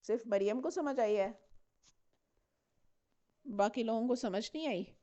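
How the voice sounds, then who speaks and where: A woman's voice: on the high side, measured pace, warm tone. Woman teaching English sounds. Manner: patient, explains step by step, repeats example words. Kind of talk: classroom lecture mixing Hindi and English. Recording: muffled lo-fi recording.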